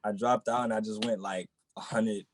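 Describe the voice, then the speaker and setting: A young man from the Boston area, a rapper in a relaxed interview, who keeps filling his talk with "you know what I'm saying.". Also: on the low side, moderate pace, noisy background. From Boston area, United States. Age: young adult. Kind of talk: casual interview chat.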